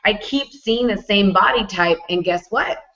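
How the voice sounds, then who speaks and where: A woman's voice: mid-range voice, measured pace, fairly bright tone. A woman co-hosting a casual livestream chat, talking in a chatty way full of "like" fillers. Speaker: co-host. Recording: dull lo-fi livestream audio.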